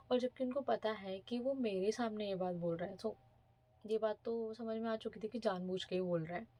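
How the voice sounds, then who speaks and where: A young woman from India telling a story in a casual vlog, chatty and animated, sometimes dropping to a half-whisper. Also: mid-range voice, dry recording. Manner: chatty, animated retelling with mimicry; speaks softly, half-whispering at times. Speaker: vlogger.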